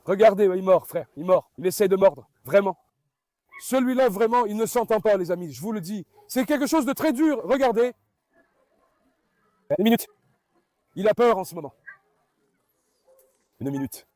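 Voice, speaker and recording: Male farm vlogger, high voice, dry close sound, keeps coaxing and calling the dogs. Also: expressive, normal speed, long pauses, darkish tone, dry recording. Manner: coaxing, calls to the dogs while talking to viewers. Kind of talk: casual vlog commentary.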